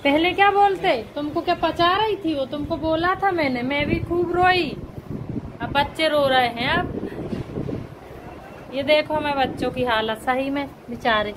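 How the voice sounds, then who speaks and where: A woman's voice: sits high, unhurried, a crowd in the background, low-quality recording. A woman in her thirties filming a family vlog, coaxing and soothing her crying children in casual talk. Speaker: vlogger and mother.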